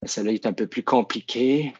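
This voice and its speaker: A middle-aged man, giving a classroom reading demonstration in a coaxing, slow teacher voice that stretches key words. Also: mid-range voice, husky, dull audio. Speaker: teacher trainer.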